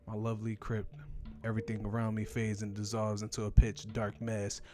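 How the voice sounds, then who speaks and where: A man reading a horror visual novel's text aloud while playing it, in a monotone narration. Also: on the low side, fairly quick.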